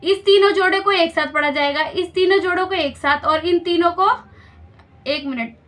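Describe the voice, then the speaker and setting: A woman's voice: very high voice, moderate pace, a bit bright. A woman teaching a school maths lesson step by step, patiently explaining and checking understanding with questions.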